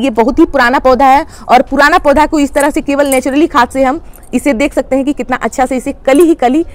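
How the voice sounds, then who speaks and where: A woman hosting a gardening channel, calmly explaining plant care step by step and addressing viewers as friends. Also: high voice. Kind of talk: instructional how-to talk.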